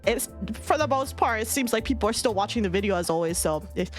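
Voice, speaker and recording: A woman's voice: medium pitch, expressive, quick pace. A woman in her late twenties chatting casually on a gaming livestream, with a giggly manner. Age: late 20s. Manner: giggly, laughs often. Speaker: livestream host. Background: music.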